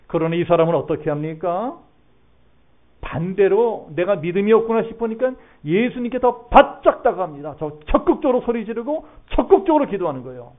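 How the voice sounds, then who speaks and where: A middle-aged male pastor preaching a sermon, animated, now and then shouting out quoted cries. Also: high-pitched. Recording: tinny phone-like sound.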